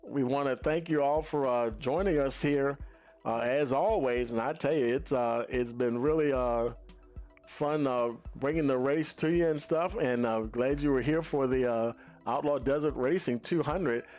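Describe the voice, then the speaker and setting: A man's voice: mid-range voice, a little mellow. A man with a drawl runs a sim racing broadcast, reading results with plenty of "uh" and "I tell you". Faint music plays underneath his voice. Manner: folksy, many "uh" fillers, drawn-out phrasing. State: out of breath. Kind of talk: post-race interviews and results.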